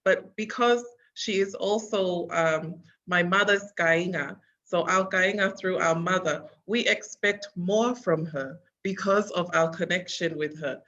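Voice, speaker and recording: A woman's voice: on the low side, measured pace, few pauses, a bit bright, lo-fi sound. A woman talking conversationally and earnestly, restating her points with emphasis. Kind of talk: conversational talk mixing Tongan and English.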